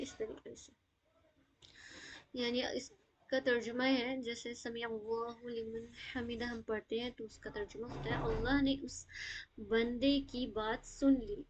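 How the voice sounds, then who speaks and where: Woman, tajweed teacher, higher voice, patient step-by-step explaining, dull online audio. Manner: patient, explains step by step, mixing in English words. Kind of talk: live online Quran recitation lesson.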